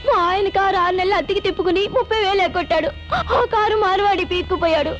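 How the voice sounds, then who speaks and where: A woman's voice: very high voice, fairly even intonation, fast. An actress playing a distressed young wife who pleads and laments her troubles. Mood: sorrowful. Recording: dull film soundtrack with loud music.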